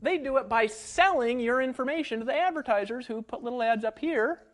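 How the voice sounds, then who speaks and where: A man coaching an online marketing webinar from a home setup, energetic and folksy, full of rhetorical questions. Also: very high-pitched, brisk. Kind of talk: webinar teaching. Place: home setup in rural hills.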